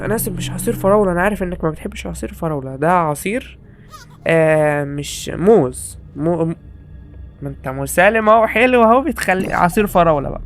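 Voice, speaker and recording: A man's voice: high voice, a little hiss or hum. A young man with an Egyptian accent giving joking commentary while playing a horror game, teasing the characters on screen and exclaiming as he goes. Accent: Egyptian Arabic. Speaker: gaming YouTuber.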